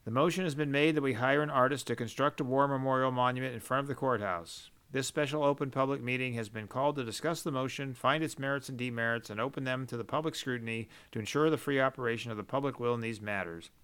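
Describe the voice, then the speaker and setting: A man's voice: mid-range voice, fast talker, hardly any pauses, fairly bright tone, smooth, lightly acted. A man reading a pompous small-town mayor. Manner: formal, long-winded officialese.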